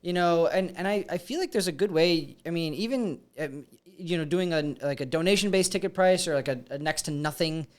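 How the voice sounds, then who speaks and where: A man's voice: on the high side, fairly quick, hardly any pauses. A man who is a filmmaker, speaking as a podcast guest in a casual, filler-heavy way. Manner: casual, filler-heavy, trails off mid-thought. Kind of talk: casual chat.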